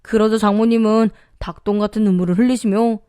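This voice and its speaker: A woman's voice: mid-range voice, steady tone, fairly quick, mellow, smooth, dry recording, studio quality. A woman narrating a first-person story on a story-reading channel, with careful pronunciation and emotive delivery. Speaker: story reader.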